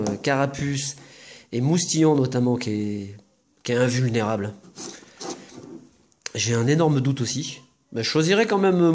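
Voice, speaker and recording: A man with a medium-pitched, somewhat dark voice hosts a casual unboxing video, opening trading-card boxes. He chats and rambles to his viewers, tossing in jokey asides.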